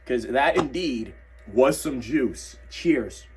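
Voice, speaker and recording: A young man, hoarse from losing his voice, ranting in excitable yells with sudden quiet asides for a comedy vlog. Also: mid-range voice, slow pace, over music. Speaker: comedy vlogger. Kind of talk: comedic tier-list rant.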